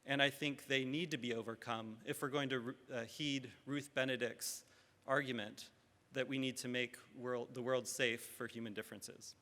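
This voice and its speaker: A man closing his remarks on a conference panel, talking in a measured way with frequent hesitations. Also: medium pitch, steady tone, sharp tone, slight background noise. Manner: measured, many "uh" fillers. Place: conference hall. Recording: reverberant hall.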